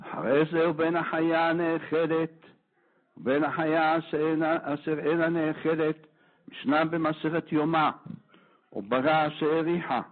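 A man giving a Torah class as a rabbi, telling a moral story and acting out the people in it. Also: fairly high pitch. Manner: animated storyteller who acts out the quoted characters. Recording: tinny phone-like lo-fi sound.

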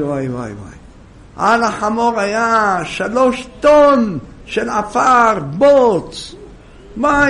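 In a very high-pitched, gravelly voice, a man tells a moral story as a sermon, delivering it in an animated storytelling way.

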